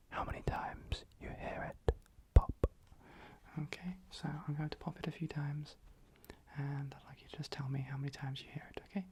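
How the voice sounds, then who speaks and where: Someone in a whispered role-play as a calm, attentive clinic assessor, giving instructions softly and breathily and gently repeating phrases. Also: mid-range voice. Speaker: ASMR performer.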